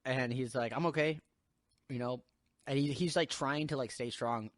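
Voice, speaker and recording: A man's voice: mid-range voice, steady tone, moderate pace, dry recording, clean studio sound. A young man hosting a podcast, talking casually in a rambling way with lots of swearing and fillers. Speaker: podcast host. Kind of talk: casual chat.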